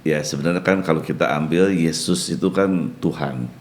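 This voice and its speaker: An older man, a pastor, talking on a podcast and telling personal stories in a warm way, often turning to address the host. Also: a bass voice, moderate pace. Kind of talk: podcast conversation.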